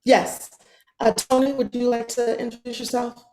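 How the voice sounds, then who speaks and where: A woman quickly prompting others to speak on a video call. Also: fairly high pitch, flat delivery, a little mellow, low-quality recording.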